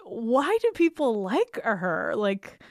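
A woman's voice: fairly high pitch, sing-song, takes it slowly, darkish tone, no echo, clean studio sound. A woman co-hosting a podcast in casual comic banter. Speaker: comedy podcast co-host.

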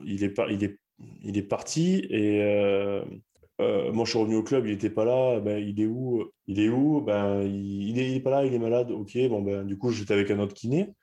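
A man's voice: on the low side, brisk, mellow. A young man, a rugby player, talking candidly in a casual chat with many restarts.

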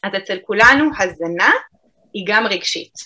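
A woman calmly explaining emotional eating to an interviewer, in a reflective, explanatory way. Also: medium pitch. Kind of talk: podcast interview answers.

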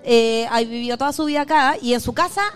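A woman's voice: on the high side, quick pace, soft background music. A woman co-hosting a live podcast show, chatty and enthusiastic, telling anecdotes. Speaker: podcast co-host. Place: live venue with audience.

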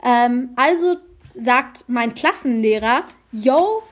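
A teenage girl from Germany chatting casually and telling an animated story, acting out voices as she goes. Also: sits high, moderate pace. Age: teens. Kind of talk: casual chat.

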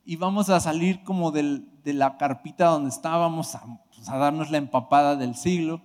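Male preacher, high pitch, animated testimony with shouts, reverberant church hall. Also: moderate pace. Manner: emotional, animated storytelling with shouted outbursts. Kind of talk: sermon testimony.

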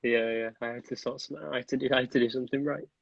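Rambling chatty guitarist, laughs a lot. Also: male voice, medium pitch, steady tone, very fast, creaky, highs cut off, over a noisy crowd. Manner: rambling, laughs often, fond storytelling. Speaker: band guitarist. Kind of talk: casual chat.

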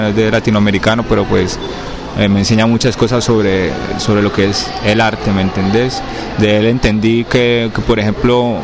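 A young man from Cali, Colombia, with a Cali accent, answering interview questions in a halting way, often checking that he is understood. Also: lowish voice. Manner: halting, many fillers and restarts, keeps asking "me entendés?". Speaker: rapper being interviewed. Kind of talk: casual interview talk. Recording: street noise with passing vehicles.

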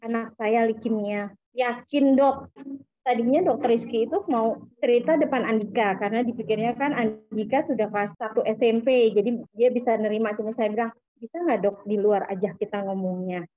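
A woman's voice: fairly high pitch, fairly even intonation, a little fast, dry recording. A woman, giving an emotional personal testimony and retelling events through quoted dialogue. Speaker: interviewee, mother. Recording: dry, slightly muffled recording.

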